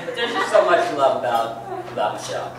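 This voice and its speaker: A man's voice: medium pitch, very animated, fast talker. A middle-aged man giving a father-of-the-bride wedding toast, joking and laughing at his own lines. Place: large indoor reception hall. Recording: echoey hall from far off, noisy.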